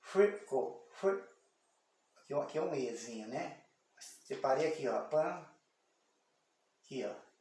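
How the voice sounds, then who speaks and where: A man from Brazil teaching English pronunciation in an online lesson, slowly drilling words over and over with many fillers. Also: medium pitch, a little mellow. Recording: echoey room, voice far from mic, faint noise.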